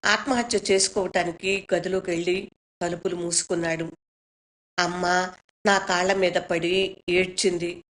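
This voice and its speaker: A woman voicing a frightened young woman torn by family duty, speaking in a hushed, pleading way. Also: on the low side, level tone, a little slow, long pauses. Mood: resigned.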